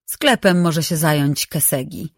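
Narrator doing a mean foster aunt, low snarl through clenched teeth, dry close sound. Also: female voice, unhurried, gravelly, dry recording, full character voice. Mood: cold. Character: cruel harsh foster aunt, snapping and cold.

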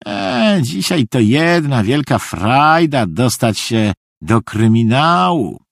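A man's voice: mid-range voice, big pitch swings, takes it slowly, creaky, dry recording, clean studio sound, voice pushed up, heavily acted. A man voicing a cheerful, simple-minded middle-aged soldier who talks naively and earnestly. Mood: chatty. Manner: naive, earnestly obliging, rambling.

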